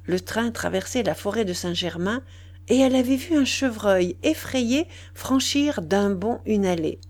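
A woman reads a classic novel aloud in a calm, deliberate way. She narrates slowly and takes her time over every phrase. Her pitch sits in an ordinary middle range. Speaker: reader.

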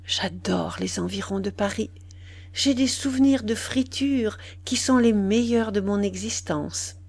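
A woman voicing a young man who is a bold but awkward suitor to his new wife, speaking low and hushed, at times close to a whisper, in a slow storybook reading. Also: dry recording. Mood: tender.

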